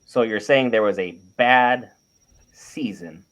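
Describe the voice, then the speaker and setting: A panel show co-host with a lowish, slightly bright voice speaks slowly in a casual debate about animated series. He delivers emphatic, opinionated takes, stacking his points into lists.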